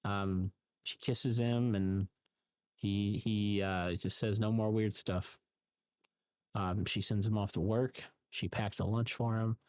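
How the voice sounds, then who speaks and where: Male reviewer, lower voice, rambling halting delivery, dry booth sound. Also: fairly even intonation, darkish tone, no room sound. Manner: rambling, halting, frequent ums and restarts. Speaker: film reviewer. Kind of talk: casual spoken recap.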